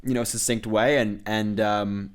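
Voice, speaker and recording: A young man co-hosting a casual podcast, explaining slowly with filler pauses and hiccuping now and then. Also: on the low side, level tone. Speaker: podcast co-host. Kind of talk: casual podcast chat, reading from a legal document.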